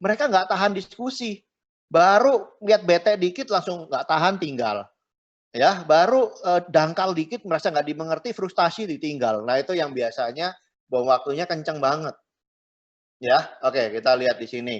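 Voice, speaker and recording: A man's voice: fairly high pitch, normal speed. A middle-aged man, a pastor, teaching a marriage class in a chatty way, tagging his phrases and mixing in English words. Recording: dull lo-fi recording.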